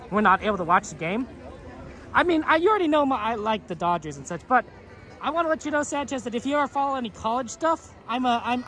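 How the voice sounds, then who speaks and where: A man's voice: extremely high pitch, fairly bright tone. A man hosting a casual live stream outdoors at a theme park, chatting in a rambling way with lots of fillers and restarts as he reads chat aloud. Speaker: livestream host. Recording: crowd noise around the speaker. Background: park crowd.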